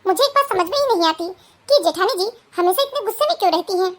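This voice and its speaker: A woman's voice: very high-pitched, lively intonation, fast. Woman voicing a meek young cartoon bride. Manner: soft, obliging, hesitant.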